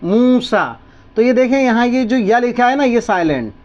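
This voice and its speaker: A man's voice: extremely high pitch, animated, a little fast. Guy teaching quran reading, asks then answers himself, patient, kinda muffled lo-fi sound. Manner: patient, repeats each word and quizzes the listener. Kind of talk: step-by-step lesson with call-and-response questions.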